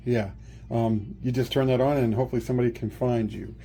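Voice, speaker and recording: This product reviewer speaks quickly in a mellow, medium-pitched voice with fairly flat intonation. He shows off a product informally, laying out each step clearly. Room ambience and a faint background noise sit under his voice.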